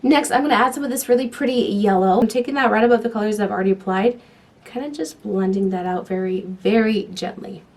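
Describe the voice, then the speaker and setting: Fast-talking and mid-range in pitch, this young woman has a darkish tone that a lingering cold has put a little off. She's a beauty vlogger doing a casual makeup tutorial, chatting with enthusiasm as she applies her makeup.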